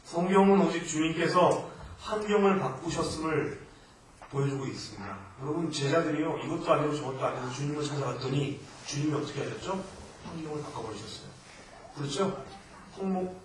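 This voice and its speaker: A male missionary preaching a sermon in Korean to a congregation, alternating loud emphatic exhortation with quieter asides. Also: on the high side, a little fast. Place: church sanctuary. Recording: echoey church hall from far off, faint noise.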